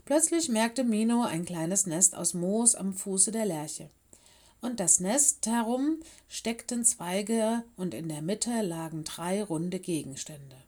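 Woman slowly reading a children's story. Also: medium pitch, expressive, mellow. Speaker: narrator.

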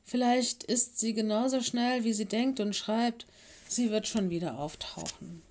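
A woman voicing a caring, busy fox headmistress and mother in a children's audiobook, brisk and motherly. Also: on the high side, darkish tone. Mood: chatty. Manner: brisk and motherly, stern with helpers.

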